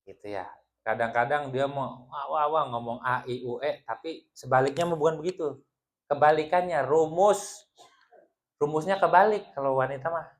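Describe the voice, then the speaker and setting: A man's voice: a little high, normal speed. A man, teaching a religious study group in a playful, teasing way and laughing often with his listeners. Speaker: Islamic teacher leading a women's study group. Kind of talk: joking religious study talk.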